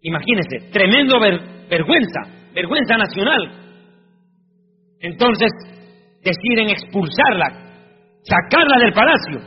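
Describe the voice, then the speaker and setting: High-pitched male preacher, emphatic and questioning, reads scripture; reverberant dull recording with soft music underneath. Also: very animated, unhurried, pauses often. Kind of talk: evangelical sermon.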